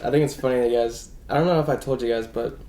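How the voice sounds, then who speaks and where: A man from Costa Rica, a guest in a casual chat, hesitant and halting with fillers. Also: medium pitch, fairly even intonation, dark tone, echoey room. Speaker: guest, music student.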